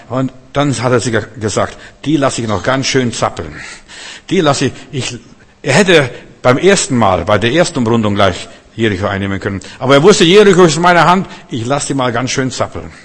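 A man preaching a sermon, swinging between loud proclamations and quiet, conversational asides. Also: medium pitch, lively intonation, fairly quick. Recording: long hall reverb.

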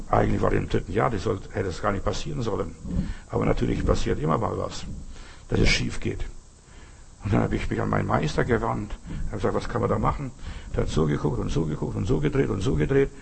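A man preaching a devotional sermon, pleading with the listener through slow, repeated rhetorical questions. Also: mid-range voice, vocal fry, slight background noise.

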